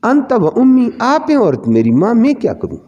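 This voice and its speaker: A preacher doing a torn, pious young monk. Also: male voice, very high voice, wildly swooping pitch, a little mellow, long reverb tail, dull audio, slight background noise, pitched above the performer's own voice, full character voice. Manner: earnest imploring.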